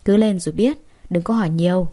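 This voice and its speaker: A woman voicing an older female house servant who speaks flatly and deferentially. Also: lowish voice, quick pace. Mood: dutiful. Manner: flat, deferential.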